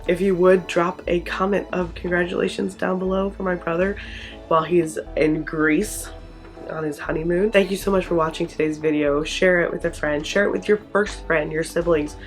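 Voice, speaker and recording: A young woman from Michigan, hosting her channel in an earnest, encouraging way, often restarting her sentences. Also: low voice. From Michigan, USA. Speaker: channel host. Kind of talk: heartfelt personal vlog talk.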